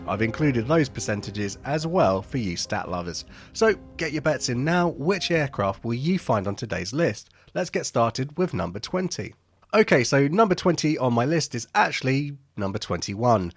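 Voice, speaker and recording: A man's voice: mid-range voice, very animated, moderate pace, faint music behind. A man narrating an aviation history video as a scripted voice-over, with wry, jokey asides between the statistics.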